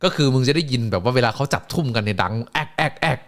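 Brief: male streamer, animated storyteller with crude slang, swooping lively pitch. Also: rapid-fire. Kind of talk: casual storytelling chat.

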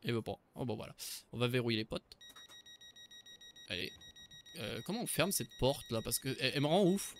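A man's voice: mid-range voice, lively intonation, brisk, long pauses, slight background noise. A man giving casual, joking commentary on a game he is playing. He talks chattily and corrects himself often. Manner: chatty, joking, many fillers and self-corrections. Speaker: gaming video host. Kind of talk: casual let's-play commentary.

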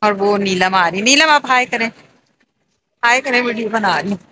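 A woman's voice: medium pitch, normal speed, sharp tone. A woman in her thirties chatting enthusiastically as she films a walking-tour vlog on a phone held at arm's length inside a large shopping mall. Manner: chatty, enthusiastic, narrating sights. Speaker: vlogger. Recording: noisy phone audio in busy mall. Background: mall crowd chatter and noise.

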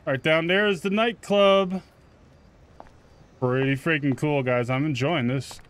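Unhurried and clean-toned, a man with a fairly high, somewhat bright voice gives relaxed gameplay commentary as a gaming YouTuber. He uses slang, curses, and talks to the game's characters while video game music plays behind him.

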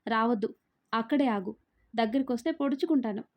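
A woman's voice: a little high, brisk, darkish tone, lightly acted. A woman voicing a frightened young woman in a spoken story, pleading and crying out in distress. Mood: desperate.

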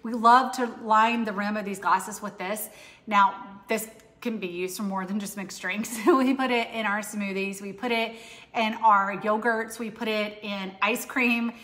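In her home kitchen, a woman in her forties shows how to make a drink, chatting in an upbeat, rambling way with many restarts, like a live cooking demo host. Her mid-range voice is fairly bright, with fairly even intonation and a slightly slow pace. A faraway overhead camera captures her amid long kitchen reverb.

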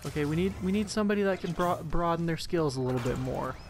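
A man's voice: a little high, fast, soft background music, voice pushed up, natural voice. A man playing a male casting director who hedges politely. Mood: hedging. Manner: hedging, polite.

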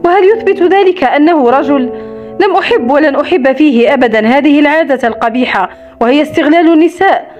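A woman's voice: sits high, quick pace, close to an everyday voice. A woman voicing a blunt, protective grown man in an audiobook romance, reading his lines expressively. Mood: scornful. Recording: slightly dull recording with soft music.

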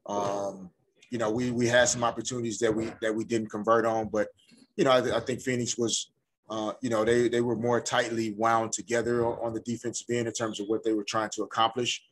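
A middle-aged male coach speaks in a low, husky voice. He answers reporters after a game, measured and thoughtful, and he often pauses mid-sentence. He talks into a desk mic in a press room. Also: level tone. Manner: measured, thoughtful, often pausing to find words. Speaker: head coach. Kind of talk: postgame press conference answers. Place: indoor press room before a sponsor backdrop. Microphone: desk microphone in front of him.

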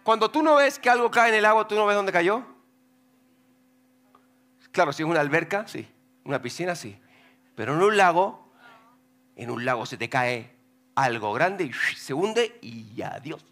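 A male pastor giving a lively, joking sermon in church, acting out voices as he reads scripture. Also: on the high side, moderate pace, pauses often. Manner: animated, joking, acts out voices while reading scripture.

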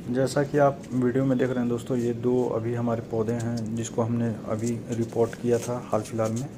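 Young male gardening vlogger, plain even delivery, casual narration, outdoor birds behind. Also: medium pitch, fairly quick, background noise. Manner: addresses viewers as friends, steady explanatory tone. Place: rooftop terrace garden outdoors.

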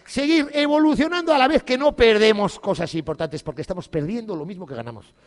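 Male speaker, higher pitched, cracks jokes and curses through a festival speech, long hall reverb. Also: expressive, fast. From Basque Country. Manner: irreverent, joking, swears freely. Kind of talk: humorous public speech.

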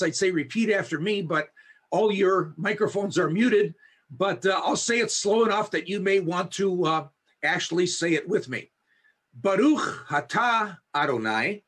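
A man leading an online Bible study as its teacher, explaining slowly and kindly with many fillers, heard through a video camera on a video call. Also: high-pitched, fairly bright tone, breathy edge. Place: home setup on a video call. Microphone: high definition video camera.

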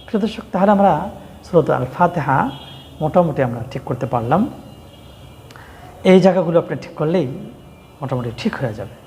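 A man with a Bangladeshi Bengali accent teaching correct Quran pronunciation, explaining sounds and chanting verses slowly. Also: medium pitch, a little mellow, big-room sound, slight background noise. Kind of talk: religious lesson with chanted recitation.

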